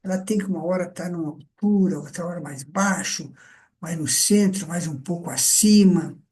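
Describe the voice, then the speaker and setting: An older man giving a lecture on communication, teaching in a deliberate, conversational way with frequent filler tags. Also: high voice, darkish tone. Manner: slow, deliberate, conversational teaching with many "então" and "né". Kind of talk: lecture on speaking and presentation.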